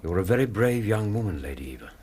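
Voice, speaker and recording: A kindly English doctor in a Victorian radio drama. His voice is lowish and very husky, with lively inflection. He sounds courteous and earnest. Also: fast talker. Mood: concerned, earnest.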